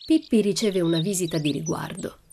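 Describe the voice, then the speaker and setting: A woman narrating a children's audiobook in a calm, measured, gently expressive manner. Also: fairly low pitch, gravelly, very noisy. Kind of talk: storybook narration.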